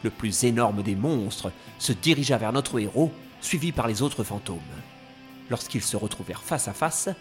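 A man narrating a storybook tale in a lively, playful way. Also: medium pitch, moderate pace, faint music behind.

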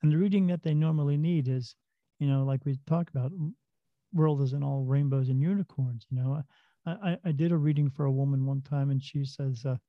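Speaking a little fast in a mid-range voice, this psychic medium rambles and restarts his words while storytelling in a casual interview. The recording is dry, dull, and lo-fi.

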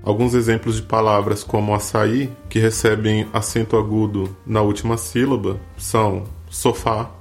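A man co-hosts a conversational Portuguese lesson, explaining calmly and clearly. He slows down to model example words. Faint music plays softly behind him. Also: lowish voice. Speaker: podcast host teaching Portuguese pronunciation.

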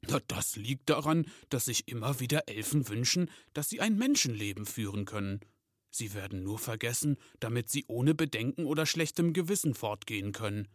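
A kindly old Santa Claus, played by a man, measured and unhurried with a slightly lowered voice. Gentle but serious, recorded dry and close. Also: expressive, dry recording, lightly acted. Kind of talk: storybook reading with voices.

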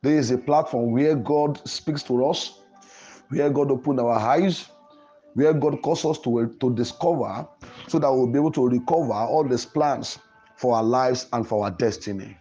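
A man with a medium-pitched, mellow voice preaches and prays at normal speed, and the recording sounds muffled. He is a pastor and programme host giving a Pentecostal sermon in an emphatic, declamatory way with repeated phrases, and music plays behind him.

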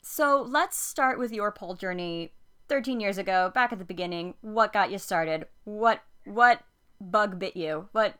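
A woman's voice: mid-range voice, measured pace, a bit bright, clean tone. A woman hosting a podcast and interviewing casually, with a gushing, enthusiastic way of talking. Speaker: podcast host.

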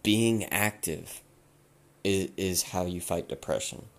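A man hosting a podcast, giving blunt, casual advice and swearing freely, while he loses his voice and keeps clearing his throat. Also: sits low, slow pace. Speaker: podcast host.

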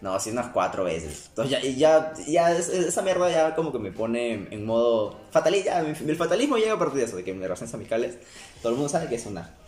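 A young man talks quickly in a loose, rambling way, breaking off and restarting his sentences. His pitch swings widely as he goes. The room sounds echoey, and faint music plays underneath. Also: sing-song, darkish tone. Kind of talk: casual chat.

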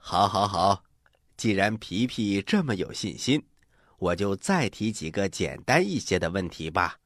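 A man's voice: low voice, big pitch swings, measured pace, dry recording. A man hosting and narrating a scripted children's story in a theatrical, encouraging, avuncular way. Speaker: storytelling host.

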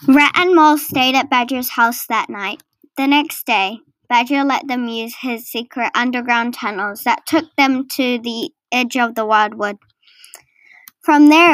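A woman reading a children's storybook aloud, slow and careful. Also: fairly high pitch, fairly bright tone, no echo. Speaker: narrator.

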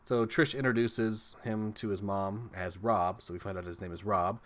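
A man's voice: lowish voice, fairly even intonation, moderate pace, fairly bright tone. A man doing a comedic, profane recap of a horror movie, full of sarcastic asides. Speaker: movie review host.

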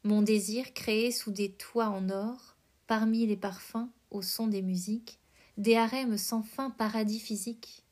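Female podcast host, mid-pitched, slow and deliberate poetry reading. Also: steady tone, darkish tone. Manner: slow, measured recitation with careful phrasing.

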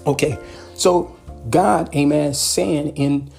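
A man's voice: on the high side, fairly even intonation, slow pace, creaky, darkish tone, soft background music. A man preaching a podcast sermon, pleading and repeating himself, stopping often to check his listeners are with him. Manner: repetitive, pleading, peppered with "okay" and "hallelujah".

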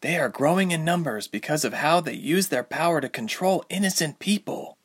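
A man's voice: a little high, lively intonation, normal speed, slightly rough, pitched above the performer's own voice. A man voicing an icy, determined young mermaid. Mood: icy, insistent.

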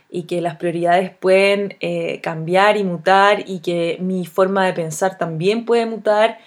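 Earnest Chilean woman podcaster. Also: mid-range voice. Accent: Chilean Spanish. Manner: thoughtful, earnest, many filler pauses. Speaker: podcast host. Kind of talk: solo reflective podcast monologue.

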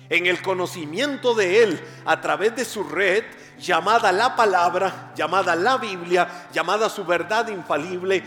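Costa Rican pastor preaching in a hall. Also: male voice, high voice, fairly bright tone. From Costa Rica. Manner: emphatic preaching, rising on questions. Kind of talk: sermon.

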